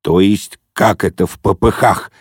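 A man voicing a grumpy old father with a bandaged head who talks gruffly, sighing and groaning. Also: low-pitched, steady tone, measured pace, no echo, studio quality.

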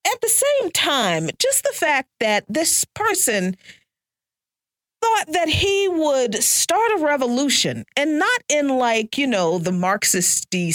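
A woman hosting a talk radio show, lively and laughing as she talks. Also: sits high, no echo, studio quality. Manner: lively, laughs while talking. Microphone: studio microphone.

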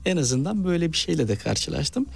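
Fairly high in pitch, fairly quick, creaky and slightly rough, his voice sits over soft background music. He's an eastern Turkish-accented novelist and actor from Malatya, animatedly telling interview stories and performing the quoted speech.

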